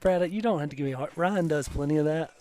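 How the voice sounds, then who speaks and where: A man's voice: on the high side, fast, mellow, slight background noise. A man joking with the other commentators in the broadcast booth at a baseball game.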